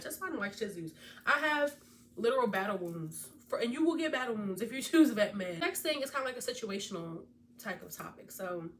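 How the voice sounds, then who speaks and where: A woman in her twenties, a veterinary student, giving chatty, casual advice straight to her viewers. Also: medium pitch. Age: 20s. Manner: chatty, animated, speaks directly to viewers. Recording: distant mic with faint background noise.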